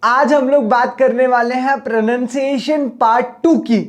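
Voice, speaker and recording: A man with a high voice teaches an online exam-prep lesson at an unhurried pace. He speaks in a friendly way, calling his viewers brothers and friends. He stretches out example words syllable by syllable. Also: fairly even intonation. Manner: drawls example words slowly to show syllables.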